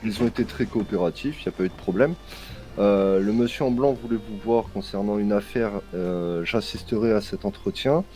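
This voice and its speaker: A man's voice: on the low side, normal speed, dark tone, faint music behind. A man playing a ranger in a western roleplay, speaking in a polite, formal way.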